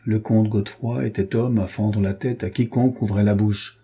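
A man reads an adventure novel aloud in a measured, even manner. His voice is low-pitched, dark and mellow, with a strong breathy huskiness throughout. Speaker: narrator. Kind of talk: audiobook narration.

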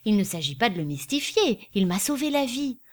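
A woman voicing a boisterous male traveling salesman, speaking in a loud, declamatory way. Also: on the high side, sing-song, fairly quick, voice pushed up. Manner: bombastic, declamatory.

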